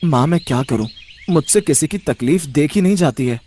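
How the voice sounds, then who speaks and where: A man's voice: fairly high pitch, expressive, a little fast. A man voicing a meek, kind-hearted young farmer in a cartoon story, timid and hesitant. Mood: worried. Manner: timid, soft-spoken, hesitant. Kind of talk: cartoon voice acting.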